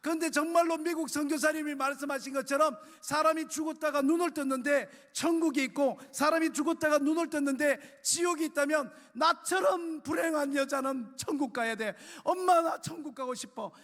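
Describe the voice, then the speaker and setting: A man's voice: sits high, lively intonation, moderate pace, big-room sound. A man voicing a desperate young mother, pleading in a raised voice.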